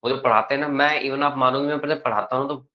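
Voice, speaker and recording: Calm teacher talking, dull lo-fi sound. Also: male voice, medium pitch. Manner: calm, unhurried, checks in with students often. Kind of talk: classroom lecture. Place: classroom.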